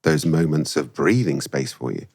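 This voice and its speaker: Man co-host, very low gravelly voice, gentle and prompting. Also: lively intonation, normal speed. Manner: gentle, prompting, lots of soft agreeing murmurs. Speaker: podcast co-host. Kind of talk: candid personal conversation.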